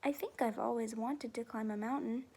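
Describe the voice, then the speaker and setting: A woman voicing an innocent, wondering little toy bear from a storybook in a gentle storytime voice. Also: on the high side, fairly even intonation, normal speed, a little hiss or hum, lightly acted.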